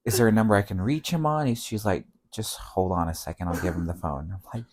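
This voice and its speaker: A middle-aged man, a podcast guest, telling a long story in a relaxed, rambling way with many fillers. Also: low-pitched, quick pace. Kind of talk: casual storytelling.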